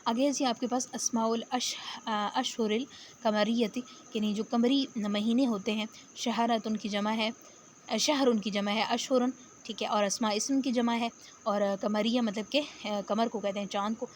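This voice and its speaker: A woman teacher giving a spoken lesson, patient, explaining step by step and repeating words slowly. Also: a little high, steady tone, slight background noise. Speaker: Arabic teacher. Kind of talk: spoken lecture.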